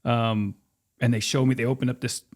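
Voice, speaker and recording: With a brisk, medium-pitched voice, this former sports mascot performer in his fifties spins casual stories on a podcast. He brings the past to life by voicing the dialogue of earlier exchanges as he goes.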